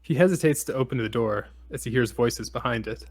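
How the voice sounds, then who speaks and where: Podcast guy walking thru a plot recap, even steady telling, dry little jokes, close dry mic. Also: mid-range voice, a little fast, breathy edge, no room sound. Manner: steady storytelling with dry asides. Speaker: podcast host.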